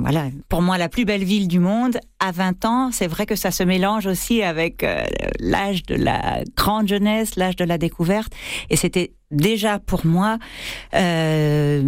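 A middle-aged French actress and theatre co-director with a lowish voice gives a radio interview, hesitant and searching for words. She fills the gaps with fillers and repeated restarts, and the studio sound is dry and close with no room echo.

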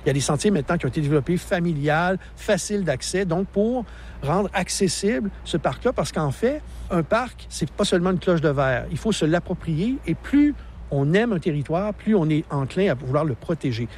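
Talking a little fast in a fairly high, expressive and slightly mellow voice, a park naturalist in his sixties with a Québécois accent eagerly explains the landscape in an outdoor interview. He laughs easily, and there's slight background noise.

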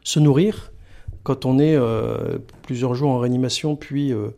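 A middle-aged man from the Paris region, speaking as a guest in a radio interview and pausing often with fillers. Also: medium pitch, creaky, dark tone. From Paris region, France. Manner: halting, many filler pauses. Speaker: sanctuary communications manager, guest.

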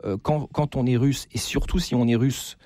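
Hesitant man with a mellow voice. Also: mid-range voice, steady tone, normal speed, no room sound, studio quality. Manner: hesitant, many restarts and repeated words. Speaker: author, guest. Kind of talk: interview conversation.

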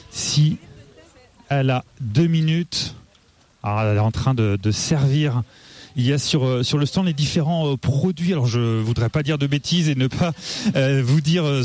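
A man's voice: fairly high pitch, a little mellow. A man reporting live for radio, hesitating often with many fillers and restarts.

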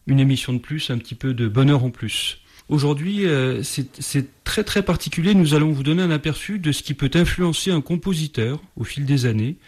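A man's voice: fairly high pitch, brisk, a little mellow, slightly rough. A man hosting a radio interview, speaking politely and formally, with a few hesitant restarts. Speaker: radio host.

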